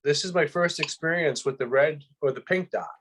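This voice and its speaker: A man in casual chat, telling his own experience in an excited, rambling way with many restarts. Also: on the high side, brisk. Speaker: guest. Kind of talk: casual chat, personal testimony.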